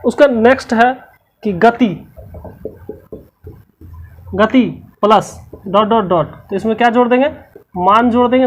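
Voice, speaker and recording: A woman teacher going through a textbook lesson's questions, explaining each answer step by step and repeating the key words. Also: medium pitch.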